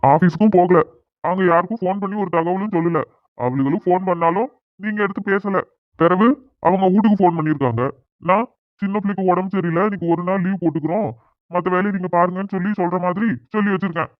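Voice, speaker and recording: A man's voice: high-pitched, fast talker, no room sound, natural voice. A man voicing a scolding middle-aged father who presses his son with questions in a cartoon, with a thin, phone-like sound. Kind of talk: cartoon voice acting. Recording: dry, phone-like narrow sound.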